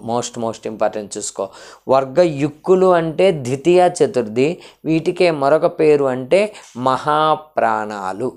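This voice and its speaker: A man teaching an exam-prep grammar lesson, asking questions and answering them himself while drilling lists of letters. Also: mid-range voice. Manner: drills lists with shifting pace.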